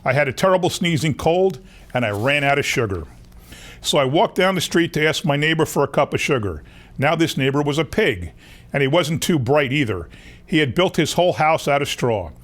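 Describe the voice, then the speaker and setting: A man's voice: on the high side, expressive, brisk, fairly bright tone. A man reading a children's picture book aloud as a wolf who insists he was wronged, in a folksy, confiding way. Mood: mock innocent. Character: wronged, self-excusing male wolf telling his story. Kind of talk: children's storybook narration.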